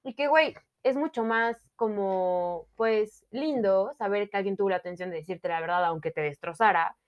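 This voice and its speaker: A woman's voice: medium pitch, normal speed, lo-fi sound. A young woman with a Mexican accent co-hosting a podcast, reflecting and summing up points in slangy casual chat. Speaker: podcast co-host.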